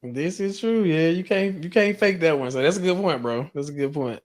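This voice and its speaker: A man co-hosting a casual book podcast, talking in a relaxed, slangy way and leading the chat between friends. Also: fairly high pitch, a little fast. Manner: relaxed, laid-back, uses slang. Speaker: podcast co-host.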